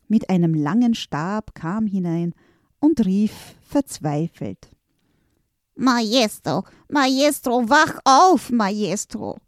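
A woman narrating a children's story in a slow, clear storytelling manner. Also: mid-range voice, dark tone, no room sound, clean studio sound.

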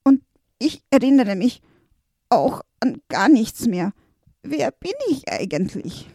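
A man's voice: extremely high pitch, very animated, slow pace, gravelly, dark tone, no echo, studio quality, heavily acted. A woman voicing a small, round, panicky male note creature in a children's storybook, pleading frantically. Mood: bewildered.

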